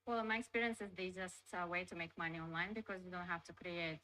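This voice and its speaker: A Russian-accented woman chatting as an interview guest, and her sentences spill out quickly with lots of "like" and "you know". Her voice sits fairly low for a woman but rings bright and forward. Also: steady tone, rough recording. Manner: chatty, loose phrasing full of "like" and "you know". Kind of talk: casual interview.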